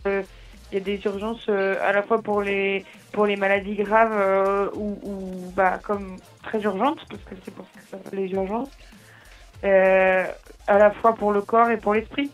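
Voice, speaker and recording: A woman's voice: medium pitch, little pitch movement, a little slow, soft background music, low-quality recording. Hesitant woman answering over the phone. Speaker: helpline operator. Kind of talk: phone conversation.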